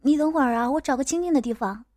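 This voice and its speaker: A woman's voice: sits high, quick pace, darkish tone, no echo, clean studio sound, close to an everyday voice. Woman voicing a brash young woman friend. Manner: blunt, brash.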